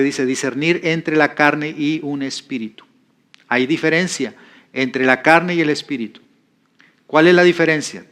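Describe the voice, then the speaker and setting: A pastor teaching a class preaches in a teaching style, his mid-range voice fairly bright. The sermon teaching is conversational, and he repeats key phrases for emphasis.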